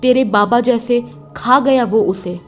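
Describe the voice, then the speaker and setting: A woman's voice: on the high side, unhurried, soft background music, close to an everyday voice. A woman doing a grim, grave village neighbor.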